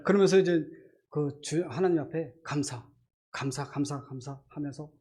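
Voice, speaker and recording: A man's voice: fairly high pitch, darkish tone, breathy edge. Earnest middle-aged man giving testimony. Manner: earnest, halting, many fillers, acts out his inner voices. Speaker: church deacon giving testimony. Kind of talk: personal faith testimony. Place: church service.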